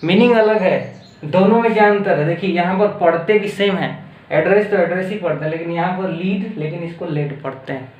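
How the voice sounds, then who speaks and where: A man with an Indian accent teaching an English grammar lesson, explaining slowly and deliberately and checking in often with his students. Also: high-pitched, dull audio. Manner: slow, deliberate explaining with frequent checks like "okay?". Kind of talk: classroom-style grammar lesson mixing Hindi and English. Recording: roomy echo with faint background noise.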